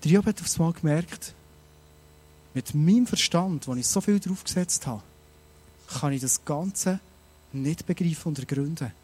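A man preaching a sermon, animated and speaking straight to his listeners with many rhetorical questions. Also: on the high side, moderate pace, pauses often, breathy edge.

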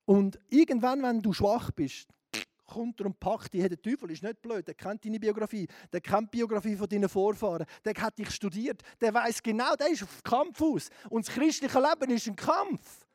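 Swiss German preacher, man, middle-aged, very high voice, fiery delivery that swings from hushed to shouting. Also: moderate pace, no echo, studio quality. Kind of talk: sermon.

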